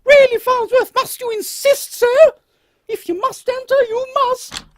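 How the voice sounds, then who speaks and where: A man's voice: very high-pitched, steady tone, unhurried, a little hiss or hum. A man voicing a haughty, fussy, dotty old queen in a steampunk radio comedy. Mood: fussy, arch. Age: older. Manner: haughty, regal, fussy, uses royal "one".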